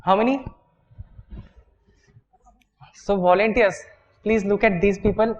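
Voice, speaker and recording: A man's voice: high-pitched, fairly even intonation, takes it slowly. A man with an Indian English accent teaching a workshop class in a lecture hall, explaining step by step and checking in with "okay" and "right". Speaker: workshop instructor. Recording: dull, echoey lecture hall recording.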